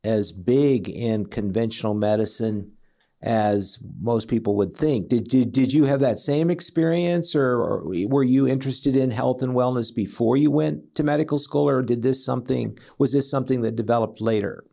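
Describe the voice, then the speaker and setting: A man hosting a health interview as a physician speaks at a moderate pace in a mellow, mid-range voice with vocal fry. He talks conversationally and often repeats words as he rephrases.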